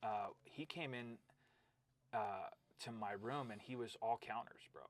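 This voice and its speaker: A man's voice: on the low side, a little slow. A middle-aged man, a wrestling coach, telling stories in a casual interview, acting out quotes and calling his listener "bro.". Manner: animated storyteller, acts out quotes, says "bro" and "right?".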